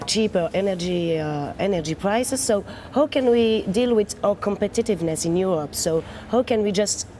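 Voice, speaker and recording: Mellow-voiced woman asking interview questions. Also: mid-range voice, expressive, moderate pace, hardly any pauses, a little hiss or hum.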